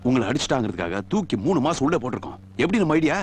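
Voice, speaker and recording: A man's voice: mid-range voice, big pitch swings, very fast, close to an everyday voice. A man playing a brash, impatient young police constable in a film comedy, needling his superior. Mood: sly.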